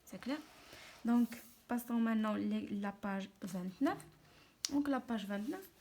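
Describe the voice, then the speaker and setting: A woman's voice: a little high, mellow, slightly rough. A woman with a Moroccan accent, a primary school teacher giving an online lesson. She explains step by step, switches often into French and keeps checking that the pupils follow. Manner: explains step by step, often asking "c'est clair?" and mixing in French.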